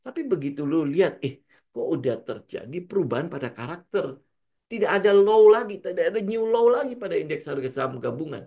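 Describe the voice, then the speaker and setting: A man with a Jakarta-slang Indonesian accent coaches his listeners on trading in a casual, lively way. His voice sits a little high and swings widely in pitch as he fires off rhetorical questions and acts out traders' voices. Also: fast, husky.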